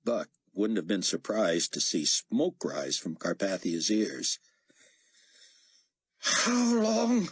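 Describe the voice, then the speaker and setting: A man reading an audiobook in scripted narration, with a steady storytelling cadence. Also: deep voice, a little slow, hardly any pauses, breathy edge, no room sound, studio quality.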